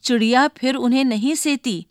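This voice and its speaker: A woman's voice: high voice, normal speed, a little mellow, dry recording, studio quality, pitched above the performer's own voice, close to an everyday voice. A woman voicing a stern, fretful mother who scolds her two children, in a storybook reading. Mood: scolding. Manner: scolding, exasperated.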